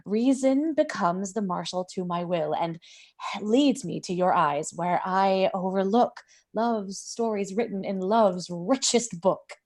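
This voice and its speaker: An ardent young male lover, read by a woman in an amateur Shakespeare read-through. The verse comes slowly and earnestly, at a middling pitch. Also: a little mellow. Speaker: amateur reader in an online play reading.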